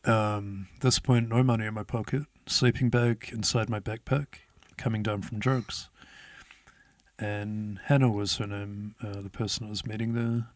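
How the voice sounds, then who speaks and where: A man's voice: fairly low pitch, fairly even intonation, normal speed, dry recording. A man, telling a story as an interview guest in a laid-back way, swearing often and laughing as he goes. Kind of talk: casual storytelling.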